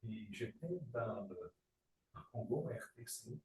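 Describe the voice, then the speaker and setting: A man from Angola telling a personal story in a group meeting, vivid and animated, with sound effects and sudden jumps in pitch. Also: takes it slowly. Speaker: participant sharing a story. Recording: roomy, distant, faint noise.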